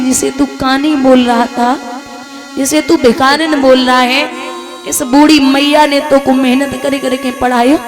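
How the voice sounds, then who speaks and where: A poor old mother begs her grown son to remember her, in a hurt, pleading tone, as a woman storyteller voices her. The voice is high, and music runs behind it.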